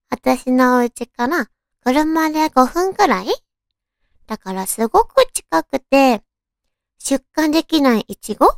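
A woman with a cute, girlish anime-like voice, chatting casually on her own as a radio talk host, with softly drawn-out phrasing. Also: sits high, creaky, no echo, clean studio sound. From Tochigi, Japan. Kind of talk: casual solo chat.

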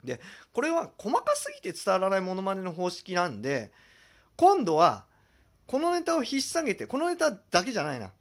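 A man hosting a solo comedy talk show, lively and self-deprecating as he explains his impressions. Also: sits high, a little fast. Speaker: podcast host.

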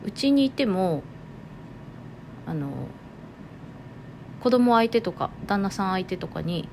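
On her internet radio show, a woman from Toyama, Japan, talks casually alone in a Toyama Japanese accent, musing aloud with amusement at herself. Her voice is mid-range and a little mellow, with lively intonation and an unhurried pace, and slight background noise is audible.

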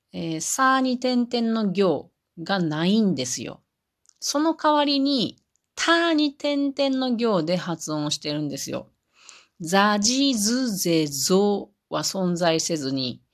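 A woman talking on her own in a chatty, explaining way, amused by her examples. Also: medium pitch. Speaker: podcast host. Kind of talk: solo podcast talk.

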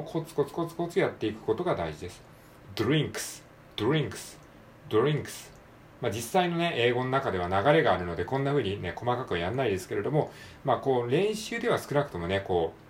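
A man with a Japanese accent teaching English pronunciation, patiently drilling words slowly and repeating them. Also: medium pitch, slight background noise. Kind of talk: solo read-aloud practice lesson.

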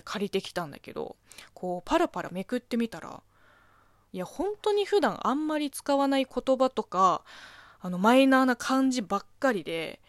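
A woman's voice: fairly high pitch, no room sound, studio quality. A woman from southern China, a native Chinese speaker with a Chinese accent, hosting a casual radio show where she reads listener letters and answers them offhand. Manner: chatty, reads letters then comments offhand.

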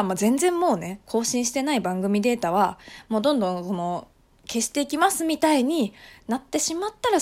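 Young woman, solo podcast host, casual chat, lively swooping pitch, laughs often. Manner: chatty, laughs often, many soft fillers.

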